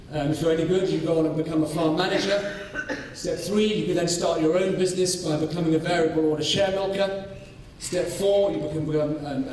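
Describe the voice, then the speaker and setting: Man presenting at a conference, fairly high voice, hesitant with fillers, heard from far off in a big echoing room. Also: slight background noise. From North Wales. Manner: measured, with frequent ums and restarts. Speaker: farming scholar presenting his study. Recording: echoey hall, voice from far off.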